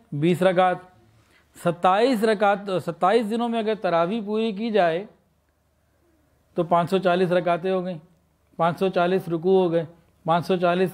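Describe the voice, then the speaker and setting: A man with a Pakistani Urdu accent gives a sermon, explaining with rhetorical questions and leading slow recitations. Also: high-pitched, a little mellow. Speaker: preacher.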